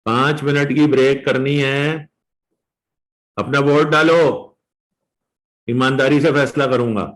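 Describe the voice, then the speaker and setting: A man with a Pakistani accent teaching an online law revision class, drawing out the legal phrases slowly and coaxing his students along. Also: medium pitch, fairly even intonation, a bit bright, low-quality recording. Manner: mixes Hindi-Urdu with English legal terms, coaxing students; slow and drawn out when reading points aloud. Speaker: law lecturer.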